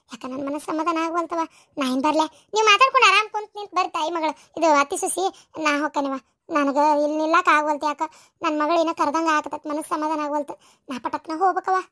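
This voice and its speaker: A woman's voice: very high voice, pushed and bright, dry recording, clean studio sound. Woman voicing a fretful old cartoon grandmother. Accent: North Karnataka Kannada. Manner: fretful and pleading. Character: worried old grandmother, anxious and restless. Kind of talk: cartoon story voice acting.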